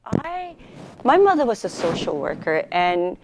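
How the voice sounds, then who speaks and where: A Malaysian woman who founded a charity tells her life story as a guest in a local TV studio, chatting casually and laughing often. Her medium-pitched voice is sing-song and a little slow. The recording is rough, with a faint hiss or hum.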